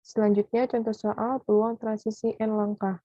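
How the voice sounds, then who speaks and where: Woman, student presenter, dark mellow voice, measured reading of math examples, dry lo-fi sound. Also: a little high, little pitch movement, no echo. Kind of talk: reading worked probability examples aloud. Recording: dull lo-fi dry recording.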